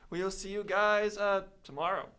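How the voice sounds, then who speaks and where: A man's voice: high-pitched, steady tone, normal speed, sharp tone, clear, resonant tone. A young man co-hosting a podcast, chatting casually with playful asides. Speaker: podcast co-host. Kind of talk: casual chat.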